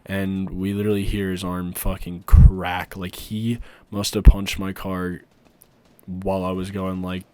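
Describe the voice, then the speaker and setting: A man's voice: low voice, little pitch movement, unhurried, dark tone, smooth. A young adult man telling a personal story in a casual, blunt, sweary way, like a video storyteller.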